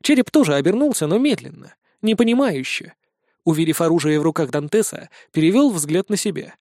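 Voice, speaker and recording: A man narrating a fantasy audiobook in a steady, dramatic storytelling voice. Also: fairly high pitch, brisk, no echo, clean studio sound. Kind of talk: scripted narration.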